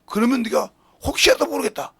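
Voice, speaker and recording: A middle-aged male pastor preaching with fervor, his voice gravelly and husky and pitched fairly high. He swings from loud, pressing passages into hushed whispers. The sound is dry and close. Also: lively intonation, fairly quick, no echo. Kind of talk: sermon with retold dialogue. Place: church sanctuary.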